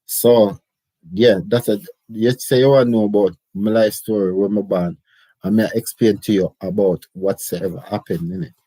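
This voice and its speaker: Husky low-voiced Jamaican man. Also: fairly even intonation, normal speed, mellow, no echo, rough recording. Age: middle-aged. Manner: rambling, patois-heavy storytelling. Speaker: storyteller recounting his life. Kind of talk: casual autobiographical chat.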